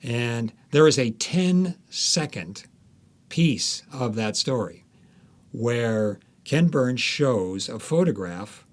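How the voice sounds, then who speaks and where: Speaking slowly with a medium pitch, a man interviewed as an author tells his stories in a conversational way, full of animated retellings and quoted asides.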